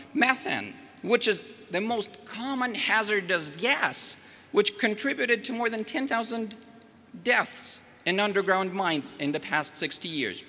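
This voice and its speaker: A high-pitched, middle-aged man from Moldova, whose native tongue is Russian and whose accent shows it, presents at a conference in a large hotel ballroom with an audience. Speaking at a podium mic, he is animated and jokey, rising loud on rhetorical questions. A far camera captures it, and the ballroom's echo leaves a long reverb.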